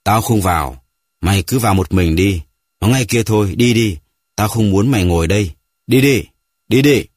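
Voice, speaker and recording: A man voicing a hoarse, panting old grandfather who is full of guilt and rage in a read-aloud story. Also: deep voice, lively intonation, normal speed, no echo, clean studio sound. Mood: furious.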